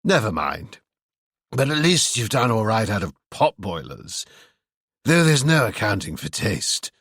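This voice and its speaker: A man's voice: on the low side, big pitch swings, measured pace, fairly bright tone, slightly rough, no room sound, clean studio sound, exaggerated voice. A man putting on an oily, mocking Ewan. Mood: condescending. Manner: condescending, sly, taunting. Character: oily, mocking, unstable middle-aged man.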